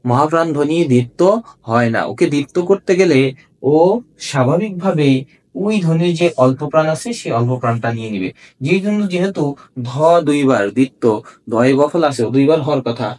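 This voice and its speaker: A man's voice: medium pitch, a little mellow. A man with a Bangladeshi accent teaching a grammar lesson, explaining step by step and asking students questions before answering them himself. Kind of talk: classroom lesson.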